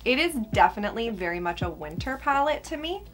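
A woman's voice: a little high, very animated, fairly quick, a bit bright, soft background music. A young adult woman chatting casually to camera as a beauty vlogger, emphatic and casually sweary, with a whistling s. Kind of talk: casual chat to camera, product ranking. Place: small furnished room indoors.

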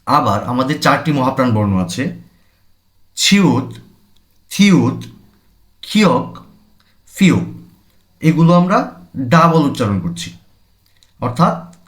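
A man from Bangladesh teaching a language class at an unhurried, deliberate pace. His pitch rises and falls a great deal as he stresses words. He repeats each term and then explains it. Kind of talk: recorded language lesson. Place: language center classroom or studio.

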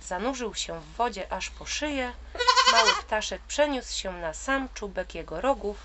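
Woman storyteller for kids, lively sing-song reading, noisy recording with goat bleats behind. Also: mid-range voice, unhurried. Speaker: children's story reader. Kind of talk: reading aloud to children. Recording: loud background noise.

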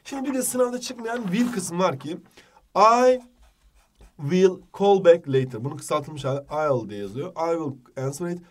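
A man teaching a jokey exam-prep lesson, with a Turkish accent, reading English phrases slowly. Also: fairly high pitch, animated, recorded from a distance.

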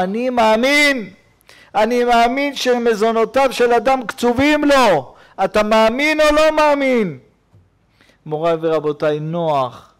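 Guy rabbi preaching in a synagogue, high-ish voice, goes loud then hushed. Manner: animated storytelling preacher, swings between loud and hushed. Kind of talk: sermon.

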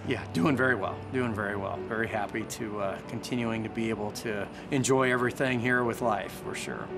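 A man's voice: fairly low pitch, fairly quick, gravelly. A man who was a cardiac rehab patient speaks in an earnest, reflective way in a documentary interview. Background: background music.

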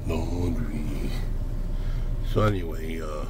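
A man's voice: very deep voice, steady tone, slow, heavy background noise. An older man giving a blunt, profane vlog rant while running errands. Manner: blunt, profane, ranting, heated bursts. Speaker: vlogger.

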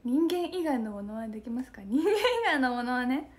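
A young woman chatting casually on a live stream, reading comments aloud in a playful way and often dropping into a soft whisper. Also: fairly high pitch, animated, fairly quick. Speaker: idol streamer.

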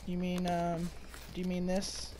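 A man's voice: high-pitched, monotone, unhurried, mellow, a little hiss or hum. Teasing, chatty young man gaming. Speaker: gamer. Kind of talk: casual gameplay chat.

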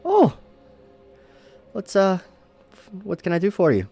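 Fussy middle-aged barmaid, put on by a man, raised pitch, stammering, game voice. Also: wildly swooping pitch, slow, dark tone, breathy edge, soft background music, heavily acted. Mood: flustered. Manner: flustered, stammering.

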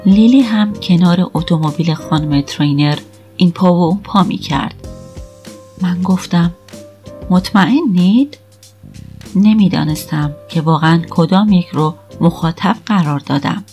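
A woman narrating an audiobook in the first person with steady, even storytelling. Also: lowish voice.

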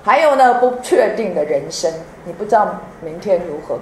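Lively Taiwanese-accented woman preaching. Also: medium pitch, normal speed. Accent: Taiwanese Mandarin. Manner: lively, engaging audience with questions, laughs often. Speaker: pastor's wife. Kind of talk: sermon. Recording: echoey hall with faint background noise.

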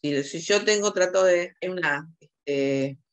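A woman's voice: on the low side, unhurried. A woman psychologist with a Rioplatense Spanish accent giving a lecture over a video call, talking with many fillers and restarts.

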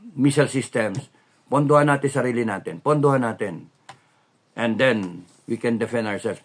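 Filipino-accented man, gravelly mid voice, impassioned vlog rant, slogan-driven. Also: medium pitch. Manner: fervent, mixes Tagalog and English, repeats slogans. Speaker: vlogger. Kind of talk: impassioned political monologue.

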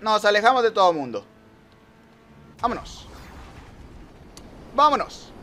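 A young man giving lively gameplay commentary, talking to viewers and teasing rivals. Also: on the high side, brisk, a little hiss or hum. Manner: excitable, talks to viewers and rivals, trash-talks. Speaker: gaming youtuber.

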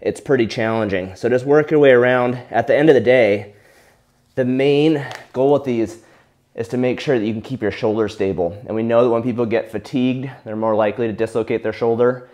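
A young man coaching viewers through shoulder rehab exercises. He talks in a relaxed, easygoing way while he demonstrates the moves. Now and then he sounds winded from the effort. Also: mid-range voice, fairly quick. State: out of breath during exercise. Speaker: physical therapy instructor.

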